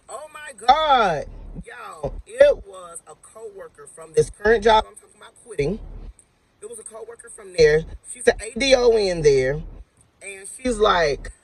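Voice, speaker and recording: A woman's voice: lowish voice, low-quality recording. A woman who works as a nurse, telling a story to her viewers in a casual, emphatic way and calling them y'all.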